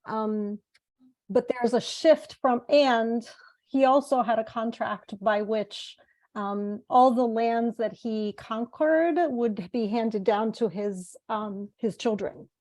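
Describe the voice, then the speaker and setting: With a fairly high, darkish voice and a slow pace, a woman runs an online workshop as an informal, conversational lecture and group facilitation. She was born in the United States to Italian parents, has spent half her life in Italy, and grew up bilingual.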